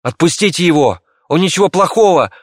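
A man's voice: mid-range voice, very animated, measured pace, fairly bright tone, slightly rough, no echo, clean studio sound, voice pushed up, full character voice. A man voicing a desperate young boy who pleads in a strained voice. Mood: insistent.

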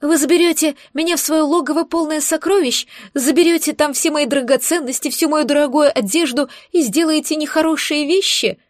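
A woman's voice: sits high, a little fast, hardly any pauses, dry recording, studio quality, voice pushed up, natural voice. Woman doing a young girl pleading in fake tears.

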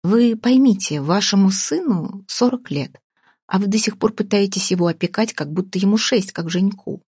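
A woman reading an audiobook voices a frank, guileless young woman who speaks earnestly and openly, with a husky tone. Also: mid-range voice, normal speed, darkish tone, no echo, clean studio sound, close to an everyday voice.

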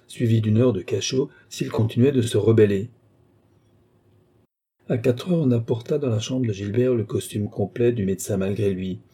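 A man narrating a literary audiobook in a measured, even reading. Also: on the low side, husky.

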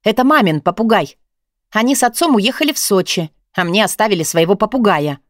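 A woman's voice: mid-range voice, lively intonation, fairly quick, no echo, clean studio sound, lightly acted. A woman voicing a blunt, grudging young woman, a weary dispatcher, who drags out her reproachful words. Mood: irritated.

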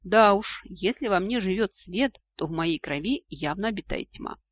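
A man narrating a novel with a lively, ironic storytelling manner, on a dull lo-fi recording. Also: high voice, normal speed, no echo. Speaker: audiobook narrator. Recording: dull lo-fi audio, dry.

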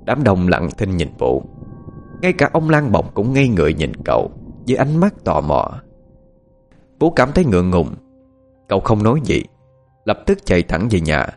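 Male audiobook narrator for a ghost tale, low voice, lively delivery, faint music underneath. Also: moderate pace, pauses often. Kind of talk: dramatic audiobook storytelling.

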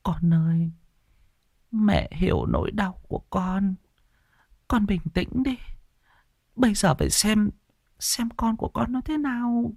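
A man's voice: high voice, sing-song, unhurried, creaky, pauses often, a little mellow, no echo, studio quality, voice pushed up, exaggerated voice. A man voicing an elderly mother who stammers and wails in grief. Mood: pleading. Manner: stammering, wailing. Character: frantic elderly mother, grieving.

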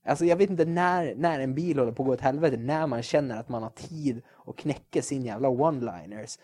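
A man's voice: mid-range voice, dark tone. Guy ranting on a podcast, cursing a lot, plain mid voice. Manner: swears a lot, rants animatedly, acts out quotes. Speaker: podcast co-host. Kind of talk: casual chat.

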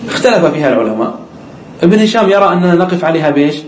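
A man's voice: fairly high pitch, big pitch swings, racing, roomy sound, poor audio. A man teaching an Arabic grammar class, who explains step by step, asks the students questions and repeats the key words.

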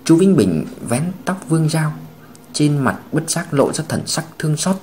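A man's voice: fairly high pitch, normal speed, a little hiss or hum. A man narrating a crime novel as a dramatic audiobook reading. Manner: expressive, dramatic.

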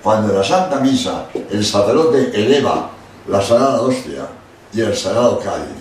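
Older Spanish priest in an echoey hall. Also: male voice, lowish voice, normal speed. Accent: Spain Spanish. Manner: animated, acts out quotes, emphatic asides. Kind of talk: religious lecture. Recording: echoey hall from far off with faint noise.

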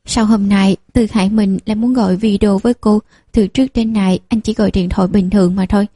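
A woman hosting an audiobook channel, reading a romance novel aloud in a steady, gentle way. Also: medium pitch, brisk, husky, no echo. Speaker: audiobook narrator and channel host. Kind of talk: scripted narration of a romance novel.

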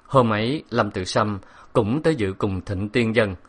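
A man's voice: on the low side, unhurried, fairly bright tone. A man voicing a hurt, stern middle-aged father. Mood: grave.

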